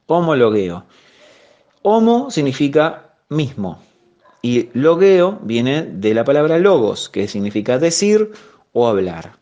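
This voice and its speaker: A man with a Rioplatense Spanish accent teaching a Bible class, explaining slowly, repeating key words and pausing on fillers. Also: medium pitch, warm tone. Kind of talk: recorded theology class. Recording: muffled lo-fi audio.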